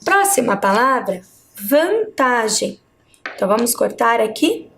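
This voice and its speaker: Woman, Brazilian Portuguese accent, schoolteacher, slow patient delivery, lively pitch, checks in with the class. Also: a little hiss or hum. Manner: slow, patient, syllable-by-syllable teaching; checks in with children often. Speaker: primary school teacher. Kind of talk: video lesson for children.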